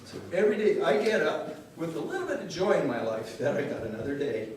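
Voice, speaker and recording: An older man who works as a dentist shares a frank personal story on a story-slam stage before a live crowd in a big hall, earnest, wry and occasionally cursing for emphasis. His voice is a little high and darkish, quick, with big pitch swings. He sounds far away in the echoing room, with a little hiss or hum.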